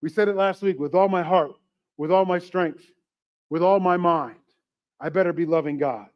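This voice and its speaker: Male pastor, high-pitched, joking with the congregation mid-sermon; dull, lo-fi church livestream sound. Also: moderate pace. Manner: joking, conversational, asks questions to the congregation.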